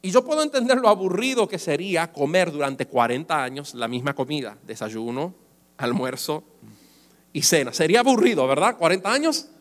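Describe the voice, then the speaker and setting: A man with a high voice preaches to his congregation, calling on them to repeat lines and raise their hands. He slips English phrases into his sermon. The sound rings with the long reverb of a church hall. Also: lively intonation, brisk. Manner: preaching with call-and-response to the congregation; switches between Spanish and English phrases. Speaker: pastor. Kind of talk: bilingual sermon.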